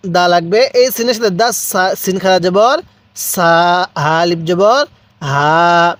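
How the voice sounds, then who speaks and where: Male Quran tutor, Bangladeshi accent, drawn-out deliberate spelling drills, higher voice. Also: a bit bright, dry recording. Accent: Bangladeshi Bengali. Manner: slow syllable-by-syllable spelling, prompts listeners to repeat. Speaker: Quran recitation teacher. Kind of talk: spelling-out recitation lesson.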